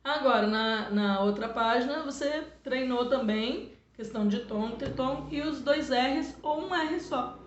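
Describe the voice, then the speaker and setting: A middle-aged woman teacher with a Brazilian Portuguese accent, patiently explaining a spelling lesson to children and sounding words out slowly. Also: high-pitched. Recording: echoey room, dull lo-fi sound.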